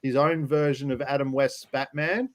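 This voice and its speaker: Male stream host, casual, halting delivery, ordinary mid voice. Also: mid-range voice, fairly even intonation. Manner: halting, many fillers and restarts. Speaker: livestream host. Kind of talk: casual livestream chat.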